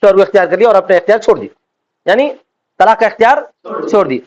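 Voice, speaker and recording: High-voiced man teaching a class. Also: animated. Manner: asks students constant check questions; acts out quoted speech in everyday voices. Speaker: religious teacher. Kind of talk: classroom lecture on Islamic law. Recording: dull lo-fi lecture recording.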